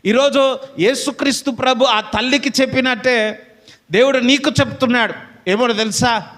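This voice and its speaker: A man's voice: extremely high pitch, fairly even intonation, normal speed, a bit bright, big-room sound. A pastor preaching a fervent sermon to his congregation, calling out amen and hallelujah again and again.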